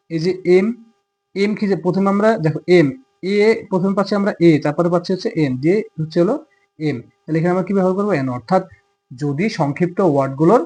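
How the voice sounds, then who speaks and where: A man's voice: on the high side, darkish tone, breathy edge. A man with a Bangladeshi accent teaching a grammar lesson. He explains step by step and asks questions he answers himself.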